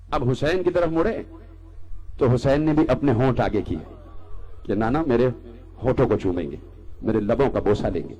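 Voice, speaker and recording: A cleric from Pakistan leads a mourning sermon at a mid-range pitch. His preaching is rhythmic and impassioned, and he repeats key phrases to drive them home. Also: dark tone, rough recording. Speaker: Shia cleric.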